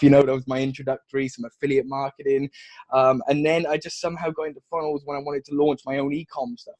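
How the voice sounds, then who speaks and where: A young man from Wales, whose Welsh accent is mixed and drifting, chats energetically as a podcast guest and funnel agency founder. His mid-range voice has no echo, and he rambles with restarts through the casual conversation.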